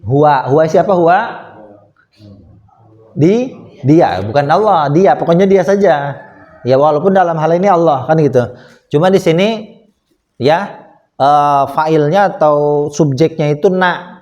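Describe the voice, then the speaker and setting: A man's voice: a little high, darkish tone, muffled recording. A man with an Indonesian accent teaching Arabic grammar to a class, asking questions and answering them patiently. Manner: slow, patient, asks and answers his own questions. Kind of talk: classroom lesson with questions to students. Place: small prayer room.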